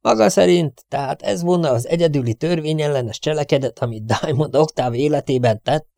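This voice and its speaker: A strict old housekeeper nags and scolds in a prim, indignant tone, as a male reader puts her on. Her voice sits higher than his own and carries a gravelly rasp. The recording is close and dry, like a storybook read at home. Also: warm tone, no room sound. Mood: scolding. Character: strict nagging older housekeeper woman.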